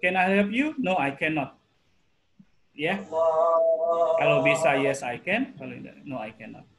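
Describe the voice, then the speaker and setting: A man's voice: on the high side, animated, measured pace, fairly bright tone, rough recording. A man with an Indonesian accent, an English teacher explaining grammar in an online class and often stopping to ask the students questions.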